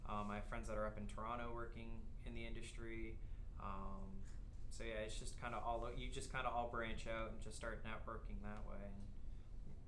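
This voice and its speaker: A man's voice: lowish voice, little pitch movement, moderate pace. A man talking casually on a panel, rambling along with lots of filler words. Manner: rambling, frequent "like" and "you know". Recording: echoey room with noise.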